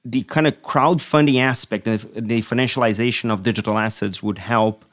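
Halting male interviewer, mid-pitched. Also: steady tone, fairly bright tone. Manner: hesitant, restarting phrases. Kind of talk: interview questions.

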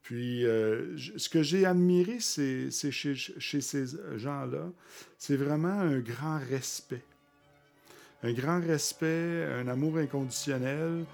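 A man with a Québécois accent, a podcast guest recounting personal experiences in conversation, pausing often with fillers and restarting his sentences. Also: a little high, vocal fry, a little mellow, soft background music. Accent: Québécois French. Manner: halting, with frequent fillers and restarts. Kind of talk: conversational storytelling.

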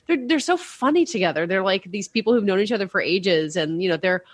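A woman hosting a film podcast, chatty and quick, steering the discussion between guests. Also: mid-range voice, lively intonation, no room sound.

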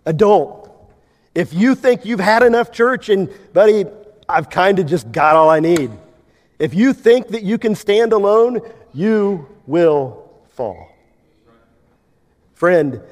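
A male pastor giving a sermon, preaching with emphasis and big swings between loud and quiet. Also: lively intonation, takes it slowly, pauses often. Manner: emphatic preaching, wide swings in pitch and loudness. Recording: long hall reverb.

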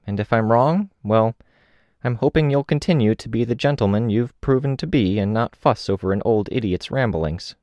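Man voicing an old woman, raised pitch, rambling, confiding, dry. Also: moderate pace, a little mellow, no room sound, highs cut off, natural voice. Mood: earnest. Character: chatty old woman on a train, earnest.

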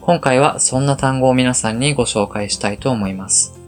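A man who teaches French, giving a calm, explanatory podcast lesson and spelling words out slowly. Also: medium pitch, soft background music.

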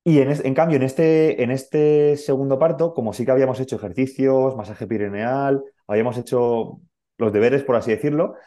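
A man from telling a podcast host a heartfelt personal story, animated and acting out the people he quotes. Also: mid-range voice, a little fast. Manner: animated retelling, acts out voices in quotes, laughs and tears up. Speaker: podcast guest, father.

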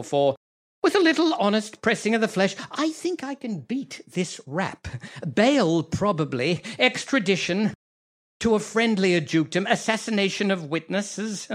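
An actor playing the scheming, bawdy villain Iago in a theatrical monologue, sneering and leering, dropping to muttered asides and rising to loud rants. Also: male voice, medium pitch, lightly acted. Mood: gleeful, scheming. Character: scheming bawdy male villain Iago, self-pitying braggart.

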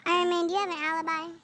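A woman's voice: very high voice, little pitch movement, quick pace, background noise. A woman playing the Joker, a male supervillain groom turned determined detective, in a youth audio play. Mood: urgent, stern.

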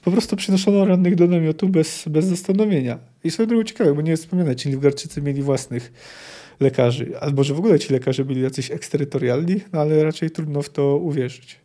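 Mellow-voiced man musing on a novel. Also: a little high, fast. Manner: thoughtful asides with restarts. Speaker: podcast host. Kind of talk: reading and commenting on a novel.

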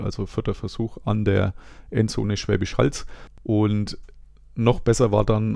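A low, heavily gravelly male host recapping a day with dry humour, chatty and relaxed. His voice is close and dry, with no room sound at all. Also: no room sound. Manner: wry, conversational storytelling. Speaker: podcast host. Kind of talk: recap narration.

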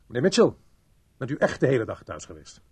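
An actor dubbing a stern police sergeant who questions in a probing way. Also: male voice, medium pitch, huge pitch swings, quick pace, darkish tone, slightly rough, exaggerated voice. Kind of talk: dubbed film acting.

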